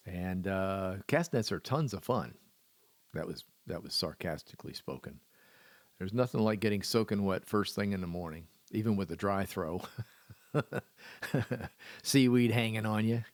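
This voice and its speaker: A man with a fairly low voice talks through fishing tips as a podcast host. He is folksy and wry, joking at his own expense as he goes. The sound is dry and close, with no room around it. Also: no room sound. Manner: folksy, wry, self-deprecating humor. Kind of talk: solo podcast tips talk.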